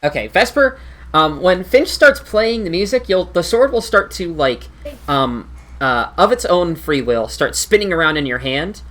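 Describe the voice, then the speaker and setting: A man's voice: high voice, expressive, a little slow, a bit bright. A man narrating as game master of a tabletop game, talking loosely with many fillers and restarts.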